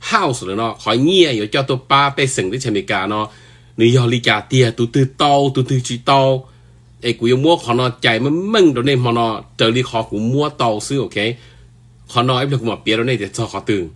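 A man's voice: medium pitch, a bit bright. Man giving a loose solo news talk. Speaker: news talk show host.

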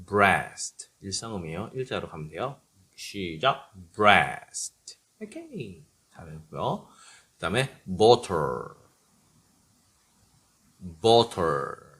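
Slow, deep-voiced male pronunciation coach. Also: fairly bright tone. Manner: models each word slowly, then cues learners to repeat. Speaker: English pronunciation teacher. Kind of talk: pronunciation drill lesson.

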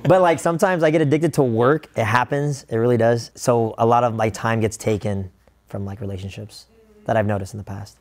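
A man's voice: mid-range voice, a little fast. A young man on a dating game show, teasing his friends and laughing often. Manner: laughing and teasing, lots of fillers. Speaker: contestant. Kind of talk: casual banter.

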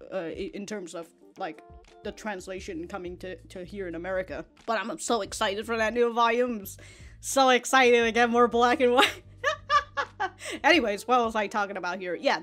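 Speaking into a big foam-covered studio mic right in front of her, a woman in her twenties rambles through a casual anime reaction review. Her mid-range voice is fairly bright, and she laughs a lot, swears, and repeats herself, in a small room decorated with an anime backdrop.

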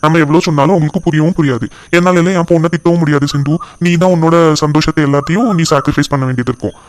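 Man voicing a rapid-talking soft-hearted father. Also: on the high side, steady tone, slight background noise, natural voice. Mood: gentle. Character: caring middle-aged father.

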